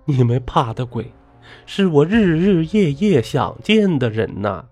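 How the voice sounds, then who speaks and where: A man's voice: a little high, very animated, unhurried, warm tone, faint music behind, voice pushed up. A man voicing a grieving widowed village mother in a folk ghost story, pleading in a raised, tearful voice.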